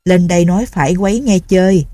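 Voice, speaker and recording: A woman's voice: fairly low pitch, fast, dark tone, no room sound, clean studio sound, natural voice. A woman doing a sneering old bandit chief. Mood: taunting. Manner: taunting and mocking.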